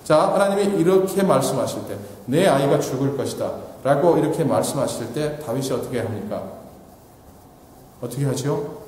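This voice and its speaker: A man preaching a sermon, asking the congregation questions and answering them himself, rising for emphasis and dropping soft at the ends of his points. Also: expressive, normal speed, heavy reverb, in a large hall, a little hiss or hum, low-quality recording. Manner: rises in pitch for emphasis and drops low and soft at the ends of points. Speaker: pastor.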